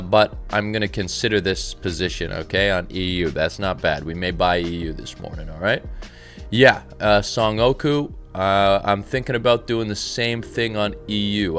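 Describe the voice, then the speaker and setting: Man, lowish voice, mellow radio-DJ calm, slightly tired, faint music underneath. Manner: calm, soft, relaxed radio-DJ delivery. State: a little tired. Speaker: trading livestream host. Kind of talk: live market commentary reading chat.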